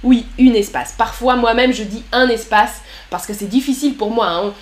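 Upbeat high-voiced woman teacher. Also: moderate pace. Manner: upbeat, reads out viewers' messages and corrects punctuation. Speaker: French teacher streaming live. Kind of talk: live-streamed language lesson reading chat.

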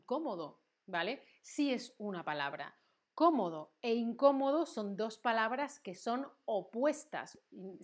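A woman teaching grammar in a livestream lesson, patient and repeating words to drill them. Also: a little high. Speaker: Spanish teacher.

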